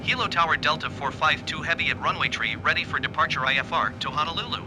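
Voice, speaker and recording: Pilot making a headset radio call. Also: male voice, fast. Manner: terse, formulaic radio phrasing. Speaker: airline pilot. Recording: loud aircraft engine rumble behind.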